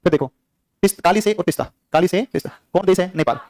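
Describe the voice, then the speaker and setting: Drilling geography facts for an exam through rapid, repetitive quiz questions to his students, a young man teaches despite a sore throat. His voice is high with a darkish tone, captured in clean studio sound with no echo.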